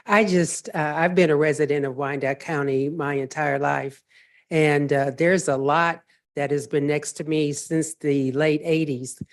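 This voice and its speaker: A mature woman with a low voice gives public comment at a local meeting. She is informal and plain-spoken, and a little halting as she makes her point. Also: steady tone. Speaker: resident giving public comment.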